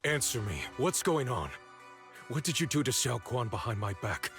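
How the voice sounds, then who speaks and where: A man's voice: medium pitch, sing-song, moderate pace, over music. A man voicing a grim, vengeful, protective warrior in a video game, with an intense dramatic delivery. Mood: angry, accusing. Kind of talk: scripted video game voice acting.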